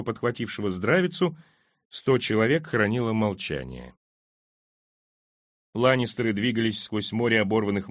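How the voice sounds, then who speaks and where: A man narrates a fantasy novel in a steady, expressive audiobook reading. His voice sits at a middle pitch, and the recording is dry and close-miked with no room sound. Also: dry recording. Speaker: audiobook reader.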